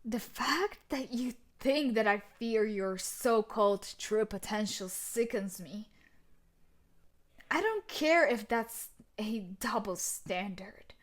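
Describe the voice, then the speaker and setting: In a roleplay audio drama, a woman with a medium-pitched voice plays a tough, sadistic, possessive bully who is also a martial artist. She taunts and talks down to others.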